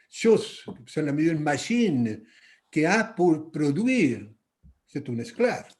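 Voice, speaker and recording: A man with a Latin American Spanish accent speaks halting non-native French, searching for words and repeating himself as he reflects at a church workshop. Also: fairly high pitch, darkish tone.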